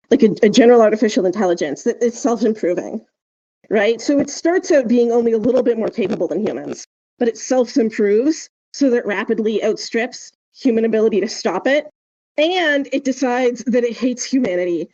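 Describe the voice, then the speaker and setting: On a slightly dull, lo-fi recording, a woman hosting a podcast works through her ideas with casual emphasis. Her voice sits fairly high yet stays very mellow and soft at the edges, and she keeps leaning on fillers, especially "like" and "right?".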